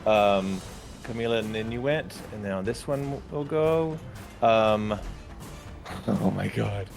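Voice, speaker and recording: A man with a low voice running a tabletop game, talking in a rambling, hesitant way with lots of "um"s and casual swearing. Music plays clearly behind him. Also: slow pace, a little mellow. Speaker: game master.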